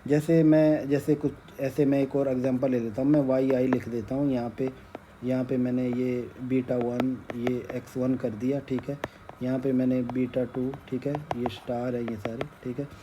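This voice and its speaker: A man teaching econometrics in a slow, step-by-step lecture, checking in after nearly every sentence and mixing in English terms. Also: medium pitch, level tone, dull audio, background noise. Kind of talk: whiteboard lecture.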